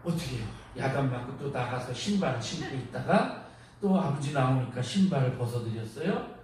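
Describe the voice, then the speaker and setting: A man's voice: medium pitch, lively intonation, fairly quick, darkish tone, a little hiss or hum. Middle-aged male preacher, storytelling sermon, recorded far off in a very reverberant church hall. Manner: storytelling with direct address to the congregation. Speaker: pastor.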